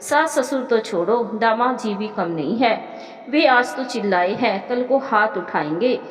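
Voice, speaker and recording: A woman's voice: fairly high pitch, expressive, measured pace, echoey room, big-room sound, slight background noise, poor audio. Woman doing a doting, meddling mother. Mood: indignant. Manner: fussing, comforting, tearful.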